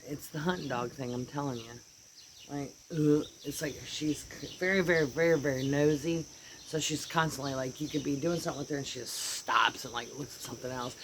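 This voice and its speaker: A woman's voice: a bass voice, fairly quick. Rambling American woman chatting outdoors. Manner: rambling and animated, voices her dogs' thoughts. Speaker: vlogger. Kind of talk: casual chat. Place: outdoors on a porch. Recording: outdoor noise with birds and insects. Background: birds and insects.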